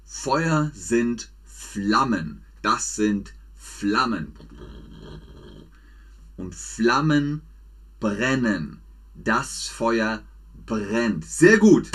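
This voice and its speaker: A man teaching German to a live chat, drilling words slowly and playfully, with big pitch swings. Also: breathy edge. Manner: slow, repetitive, exaggerated drills with lively pitch swings. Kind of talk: slow, playful language lesson for learners.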